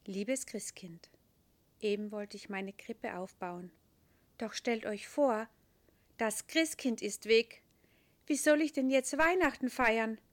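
A woman's voice: fairly high pitch, slow pace. A woman voicing a sad, hopeful young boy in a children's story, earnest and pleading.

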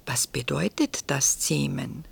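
An earnest little prince asks his questions in a whispered role-play, voiced by a woman. The whisper is wondering, husky and gravelly, at an unhurried pace. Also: extremely low pitch, expressive, heavily acted. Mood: curious.

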